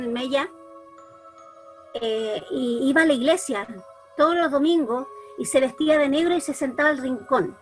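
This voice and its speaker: A Chilean woman with a high voice tells a story to a group on a video call. She talks in an animated way, doubling back and repeating herself, while faint music plays behind her. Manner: animated, lots of restarts and repeats. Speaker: church youth leader.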